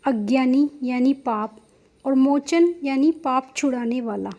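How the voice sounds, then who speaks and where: A woman narrating a devotional folk story in a steady, plain storytelling manner, addressing her listeners directly at the end. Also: high-pitched, a little slow.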